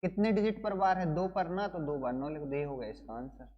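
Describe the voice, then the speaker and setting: A man's voice: a little high, animated, a little fast, long reverb tail, lo-fi sound. A male teacher giving an exam coaching lesson, playful and chatty, who keeps calling his students brother and explains with wedding and party stories.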